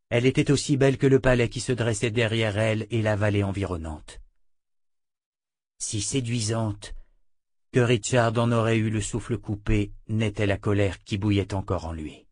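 A man's voice: fairly low pitch, a little mellow, no echo. Man reading fantasy in a dry booth. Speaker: audiobook narrator. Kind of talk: scripted fantasy narration.

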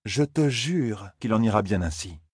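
A man voices a stern sorceress in a storybook reading, speaking with cold, measured authority. Her voice sits just above his own, husky and dry. She lays down her conditions without raising her tone. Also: on the low side, animated, a little mellow, no room sound. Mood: commanding. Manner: measured, imposing demands.

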